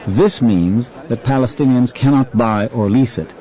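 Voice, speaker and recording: A male narrator reading a documentary voice-over in a measured, factual way. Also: mid-range voice, warm tone, poor audio.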